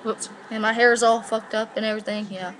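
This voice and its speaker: A woman's voice: fairly high pitch, little pitch movement, quick pace, fairly bright tone, rough recording. An eighteen-year-old woman chatting casually and slangily to camera, rambling and swearing, on a laptop microphone. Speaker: vlogger. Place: living room at home, indoors. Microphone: laptop built-in microphone at arm's length.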